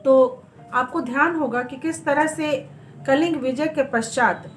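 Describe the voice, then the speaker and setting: A woman hosting her own channel, reading a stage play aloud in a measured, clear storytelling manner. Her voice is high, and faint music sits behind it. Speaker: channel host and reader.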